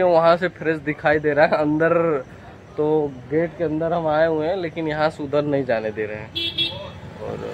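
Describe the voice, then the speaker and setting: A young man chatting casually to viewers in a walking vlog, filmed outdoors on a phone held at arm's length. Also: a little high. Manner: chatty, addresses viewers directly. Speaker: vlogger. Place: outdoors by a highway and fields. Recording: dull lo-fi phone audio, faint outdoor noise.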